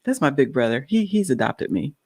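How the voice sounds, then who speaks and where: A young adult woman hosting a live-stream talk show, excitable and gushing, laughing often. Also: rumbling low, a little fast.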